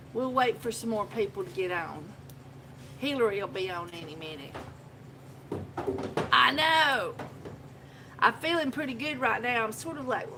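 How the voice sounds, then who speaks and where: Hosting a casual live video from her own shop on her phone, a woman with a fairly high voice rambles through a chatty story and laughs often. Background noise can be heard.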